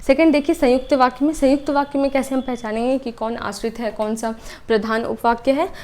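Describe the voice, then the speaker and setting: A young woman teaches an online exam-prep class in a fairly high voice. She takes each point step by step and repeats the key ideas. She keeps checking in with short "okay"s as she goes. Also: fairly even intonation, brisk, a little mellow. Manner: explains step by step, repeats points, often adds "ठीक है".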